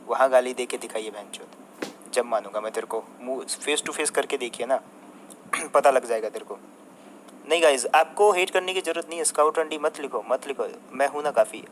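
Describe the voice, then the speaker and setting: A young streamer rants at a rival, combative and swearing heavily as he turns to his viewers now and then. His voice sits at a middle pitch, and a faint hiss of noise runs behind it. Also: low-quality recording. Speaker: mobile game streamer. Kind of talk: angry rant to viewers.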